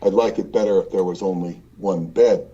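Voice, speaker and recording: A man's voice: low-pitched, normal speed, dark tone, highs cut off, slight background noise. A man speaking over an internet call from a hotel hallway, sounding distant and echoey as if in a cave, rambling with many fillers and restarts. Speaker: guest calling in from a trip. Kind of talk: casual call-in chat. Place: hallway of a small hotel room.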